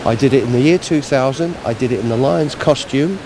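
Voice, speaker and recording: Man, event organiser, informal interview, measured explanatory delivery, outdoors, traffic and street noise. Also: medium pitch. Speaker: Lions club event organiser. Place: outdoors at a seafront.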